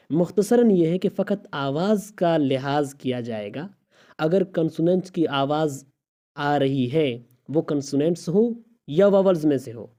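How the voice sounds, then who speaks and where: Very dark-voiced male teacher. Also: fairly high pitch. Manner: explains step by step with rhetorical questions to the student. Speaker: English teacher. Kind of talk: recorded online grammar lesson.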